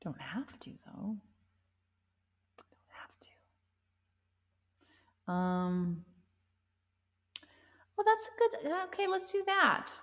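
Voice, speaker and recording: A woman's voice: fairly high pitch, huge pitch swings, very slow, long pauses, fairly bright tone, big-room sound. A woman singer-songwriter chatting casually with livestream viewers, rambling and amused at herself. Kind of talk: casual chat with live viewers.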